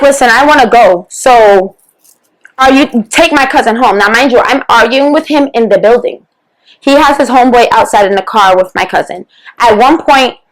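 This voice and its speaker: A woman's voice: fairly high pitch, rough recording. Woman telling a profane, heated story. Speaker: guest podcast co-host. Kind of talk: animated storytelling, casual podcast chat.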